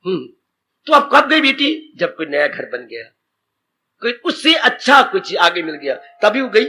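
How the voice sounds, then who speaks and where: High bright-voiced preacher. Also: male voice, a little slow. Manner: animated storytelling, addresses listeners directly. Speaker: swami preacher. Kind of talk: sermon.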